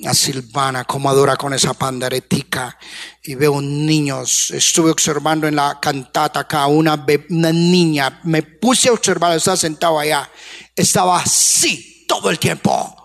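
Pastor guy preaching, higher voice, goes from soft to big loud bursts, keeps asking the crowd stuff. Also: fairly even intonation, moderate pace, gravelly. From Colombia. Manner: passionate, swings from hushed to loud exclamations; coaxes the congregation with questions. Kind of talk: sermon.

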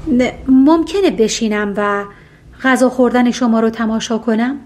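A woman's voice: a little high, a little mellow, natural voice. A woman reading as a shy, humble beast. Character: gruff lonely beast, male, shy and humble. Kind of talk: audiobook storytelling.

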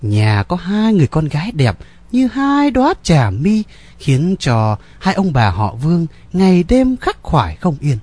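Male narrator, husky, animated pitch, dramatic story reading. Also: measured pace, no room sound. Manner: lively, ornate storyteller delivery.

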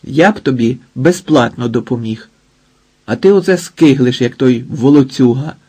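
A man's voice: medium pitch, expressive, a little slow, breathy edge. A man voicing a brash, insolent young man who talks down to others. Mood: angry, scolding. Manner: insolent, loud.

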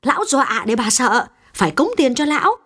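A woman's voice: high voice, sing-song, a little fast, fairly bright tone, heavily acted. A woman voicing a firm, skeptical middle-aged wife of an official in an audiobook. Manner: firm, dismissive. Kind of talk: audiobook reading.

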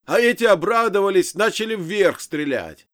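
A man's voice: fairly high pitch, big pitch swings, moderate pace, pitched above the performer's own voice. A man voicing an insolent young captive who talks back to his captors. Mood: shouting. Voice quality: insolent, defiant.

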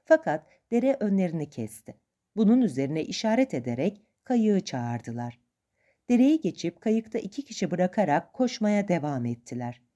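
A woman's voice: lowish voice, mellow. A woman reading a first-person adventure story aloud as narrator, with dramatic expression.

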